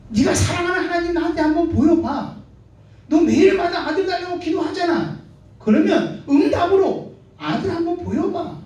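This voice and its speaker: A man's voice: extremely high pitch, darkish tone, pitched above the performer's own voice. A man voicing a scornful rival wife who taunts a childless woman. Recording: echoey church hall from far off.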